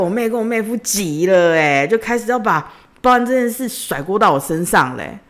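A woman, hosting a podcast and telling a personal story in a conversational way, retelling the dialogue in her own voice. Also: sits low. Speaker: podcast host.

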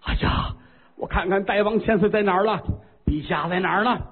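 A man's voice: high voice, fairly quick, slight background noise, lightly acted. A man voicing a feeble, fawning, greedy old monk who whines in a sing-song. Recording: tinny phone-like sound.

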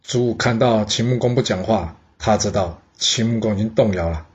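Husky-voiced male storyteller. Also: fairly low pitch, normal speed. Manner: conversational, explaining with asides. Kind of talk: chatty history storytelling. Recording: dull lo-fi audio.

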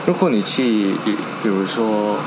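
A man from Indonesia speaks Mandarin as a foreigner with an Indonesian accent, chatting casually and haltingly, often repeating phrases. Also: lowish voice, expressive. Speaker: language exchange partner. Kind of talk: casual conversation. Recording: clearly noisy background hum.

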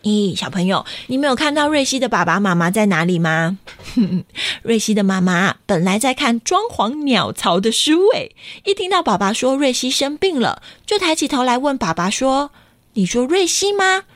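A woman reading a picture book to children, lively and coaxing, asking them questions. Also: a little high, normal speed, dry recording. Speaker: children's storyteller.

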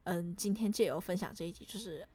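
A young woman, co-hosting a casual podcast and telling stories in an animated way, acting out quoted lines and laughing often. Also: fairly low pitch, fast, breathy edge. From Taiwan. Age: young adult. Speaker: podcast co-host.

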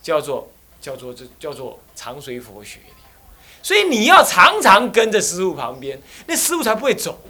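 Taiwanese abbot giving a dharma talk, jokey, slightly high, bright voice. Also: male voice, normal speed. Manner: lively and joking, mimics people, slips into Taiwanese dialect. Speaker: Buddhist abbot. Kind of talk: dharma lecture.

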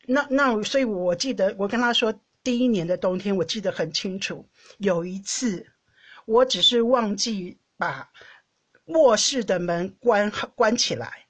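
Husky-voiced Taiwanese woman telling a story. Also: mid-range voice, unhurried. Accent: Taiwanese Mandarin. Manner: animated, laughs often, soft "ha" tags at phrase ends. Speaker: podcast host. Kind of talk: casual storytelling monologue.

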